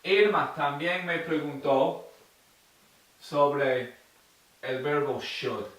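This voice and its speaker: A man teaching an online language lesson, talking at an unhurried, careful pace. He explains step by step and repeats each example phrase, with a bright, forceful tone. His voice sounds distant from the mic, with a strong roomy echo around it. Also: a little high. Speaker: English teacher.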